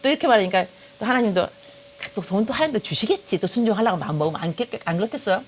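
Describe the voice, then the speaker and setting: A woman's voice: mid-range voice, rapid-fire, slight background noise. A middle-aged woman from Korea preaching a sermon as a pastor, telling stories with jokes and speaking straight to the congregation. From South Korea. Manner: lively storytelling, joking, addresses the audience directly.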